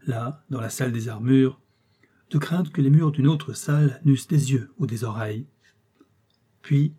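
Dark, husky male audiobook narrator. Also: medium pitch.

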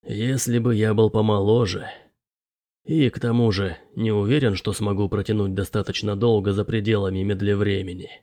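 A man's voice: lowish voice, steady tone, normal speed, warm tone, dry recording, voice pushed down, close to an everyday voice. A man voicing an elderly, timid male professor in an audiobook, murmuring and hesitant. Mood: worried. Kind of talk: audiobook character voice.

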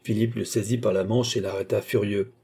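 A man narrating a classic novel as an audiobook in an even, measured reading. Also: on the low side, gravelly, breathy edge. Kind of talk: scripted narration.

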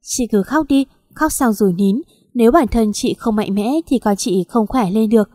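Audio story: a patient, reassuring young male doctor, voiced by a woman narrator without lowering her pitch. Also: moderate pace, no echo, clean studio sound, close to an everyday voice. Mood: gentle. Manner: calm, reassuring.

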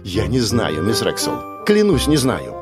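A tearful, frightened young woman, as a male narrator puts her on in a higher voice, pleading and swearing she tells the truth. Her storybook lines play over faint music. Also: huge pitch swings, a little slow, heavily acted.

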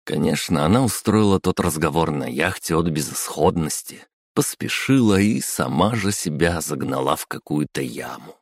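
Deep gravelly male audiobook narrator. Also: lively intonation, moderate pace, few pauses, no room sound, studio quality. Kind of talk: scripted narration.

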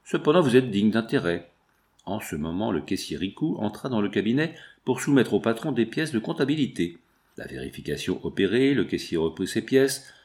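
A man narrating a classic novel as an audiobook, in a measured, even reading. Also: lowish voice. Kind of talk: scripted narration.

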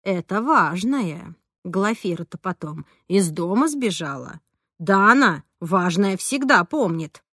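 A woman voicing a blunt, grumbling older cleaning woman in an audiobook, with a slow, drawn-out delivery. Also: fairly low pitch, lively intonation, a bit bright, slightly rough, dry recording, clean studio sound, exaggerated voice. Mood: shaken. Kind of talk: audiobook character reading.

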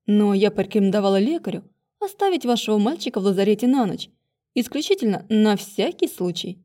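Woman doing a charming audiobook witch, cooing and cheerful, warm tone. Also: medium pitch, sing-song, brisk.

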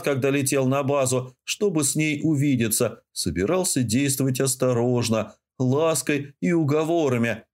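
A man narrating an audiobook in a steady, even way. His voice sits in a middle pitch for a man, and the reading is scripted and measured.

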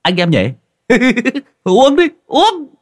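A jovial, hard-drinking village laborer, as a man puts him on, coaxing in a low voice that swings up high and lively. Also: moderate pace, slightly rough, no room sound, clean studio sound, exaggerated voice.

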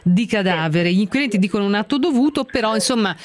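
A man's voice: high voice, expressive, quick pace, a crowd in the background. A man presenting live radio news and interviewing guests.

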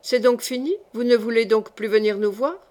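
A woman reading the part of a hearty, loud middle-aged shopkeeper in an audiobook, jovial and booming. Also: fairly even intonation, normal speed, close to an everyday voice. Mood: teasing.

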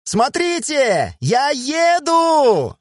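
A man reading an audiobook, voicing an eager, impatient young girl in high, squealing exclamations. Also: huge pitch swings, unhurried, darkish tone, slightly rough, dry recording, clean studio sound, heavily acted. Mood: excited. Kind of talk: audiobook character voice.

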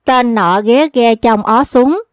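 A woman reads humorous folk tales aloud, steady and even. Her voice sits fairly high. The recording is dry and close, with no room sound. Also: measured pace, clean tone, no room sound. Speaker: storyteller.

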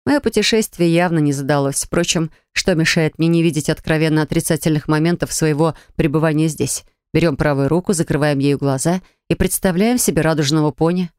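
A woman's voice: sits low, brisk, few pauses, a little mellow, clear, resonant tone, no room sound, clean studio sound. A woman reading scripted first-person fiction as an audiobook narrator.

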